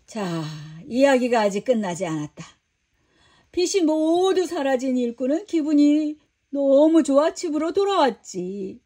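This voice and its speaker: A woman voicing Jesus as a gentle, patient male teacher who tells a story calmly and kindly to a disciple. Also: sits high, unhurried.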